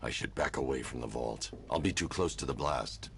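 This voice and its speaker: A man's voice: rumbling low, expressive, normal speed, creaky, full character voice. A man playing a grim, brooding caped vigilante hero who gives terse, commanding orders, heard in game audio. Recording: game audio with hall reverb and faint noise.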